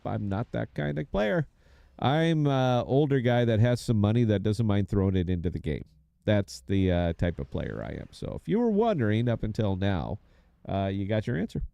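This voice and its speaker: A man's voice: medium pitch, creaky, warm tone, no echo. A man, chatting casually to viewers while he plays a game. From United States. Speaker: game streamer. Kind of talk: casual gameplay commentary.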